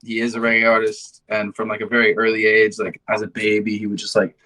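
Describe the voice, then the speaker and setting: A man's voice: on the low side, completely flat delivery, fast, bright, forceful tone, low-quality recording. A man in his twenties from London who later moved to the States, chatting casually in an interview with a laid-back, slangy, sweary way of telling stories. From London, England, then United States from high school. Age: 20s. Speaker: band musician being interviewed.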